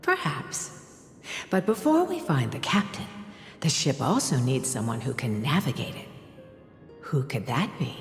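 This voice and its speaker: Gentle game mother, soft serene delivery, deep for a woman, loving, long reverb, music behind. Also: sing-song, measured pace, pauses often, exaggerated voice. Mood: soft, musing. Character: gentle loving mother telling her young daughter a tale. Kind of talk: scripted game dialogue.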